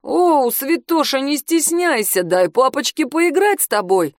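A woman voicing a drunk, crude, boastful high-school heartthrob boy in a storybook reading, loud and drawn-out. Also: expressive, dry recording, clean studio sound. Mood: taunting.

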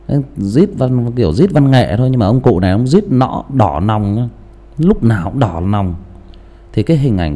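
A male audiobook narrator chatting casually about character voices, often restarting phrases and asking the listener questions. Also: lowish voice. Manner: animated, repeats and restarts, asks listeners rhetorical questions.

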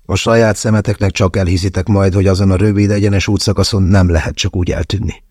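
A man voicing a gruff, rough-mannered male teacher in an audiobook, with a curt, reluctant manner. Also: low voice, fairly even intonation, a little mellow, no echo, clean studio sound.

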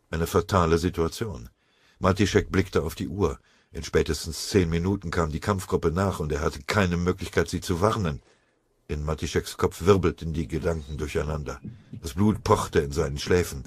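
A man reading a history audiobook in scripted, measured, dramatic narration. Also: low voice, breathy edge, no echo.

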